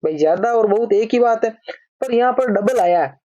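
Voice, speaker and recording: A woman teaching a grammar lesson at a measured, repetitive pace, posing a question and then answering it herself. Her voice is mellow and dark, and she slows down to read each example sentence. The recording sounds a little dull and lo-fi. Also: a little high, animated. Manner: explains by repeating each point as a question and answer; reads example sentences slowly, addresses viewers as brother.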